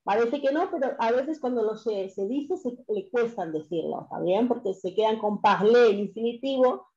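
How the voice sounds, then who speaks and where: A French teacher gives a language class over a video call, patient and explanatory, often pausing to make sure everyone is following. Her voice is mellow, low-key and also animated, and the audio sounds dull and lo-fi, like a compressed online class.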